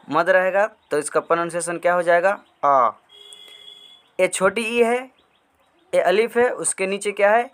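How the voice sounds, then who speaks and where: A man gives a step-by-step lesson on reading Urdu script. He explains patiently and keeps asking a question and then answering it himself. He slows right down to spell out each letter. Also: high voice, a bit bright, smooth. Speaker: online Urdu teacher.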